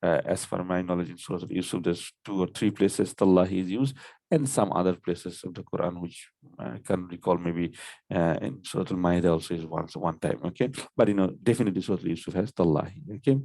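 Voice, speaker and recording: A man's voice: deep voice, brisk, warm tone, dry recording. A man teaching Arabic grammar in an online class, explaining patiently and saying "okay" often.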